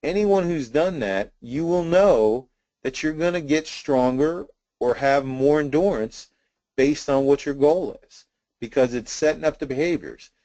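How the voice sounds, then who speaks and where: A man's voice: on the high side, a little slow, mellow, dry recording, rough recording. A man presenting a sales training webinar in an earnest coaching tone, with a slight cough. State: intermittent cough.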